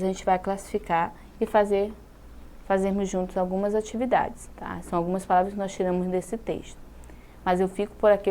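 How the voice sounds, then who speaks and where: A Brazilian woman teacher with a fairly low voice explains patiently to young pupils, stretching out key words syllable by syllable. She keeps checking in as she goes. A faint hiss sits under the recording. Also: darkish tone. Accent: Brazilian Portuguese. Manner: patient, drawn-out syllables with frequent "tá?" check-ins. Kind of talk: recorded classroom lesson for children.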